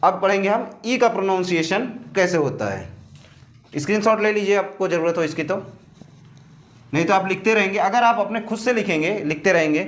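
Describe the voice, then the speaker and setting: A man's voice: sits high, lively intonation, moderate pace. A man teaching English pronunciation in Hindi. He spells each word out letter by letter and patiently repeats the rules. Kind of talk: slow explanatory lesson in Hindi.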